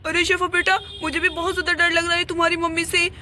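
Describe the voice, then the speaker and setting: A woman's voice: very high-pitched, flat delivery, quick pace, sharp tone, slight background noise. A woman voicing a flustered, apologetic father and henpecked husband in a doll play, pleading with his family.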